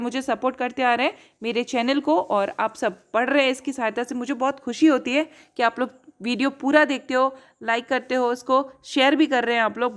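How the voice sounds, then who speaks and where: Indian lady teacher, high voice, explains grammar emphatically, lots of rhetorical checks. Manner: emphatic, repeats key words, asks rhetorical checks. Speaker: English teacher. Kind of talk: explanatory lesson.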